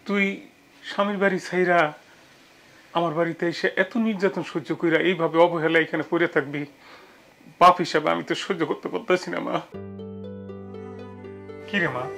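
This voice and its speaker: Pleading worried father. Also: on the high side. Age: middle-aged. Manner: pleading, gentle. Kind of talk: television drama acting.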